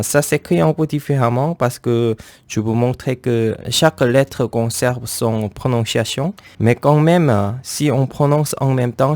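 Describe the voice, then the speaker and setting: A man teaching a beginner language lesson, talking haltingly and repeating each sound several times for the learner. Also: medium pitch, darkish tone, no room sound.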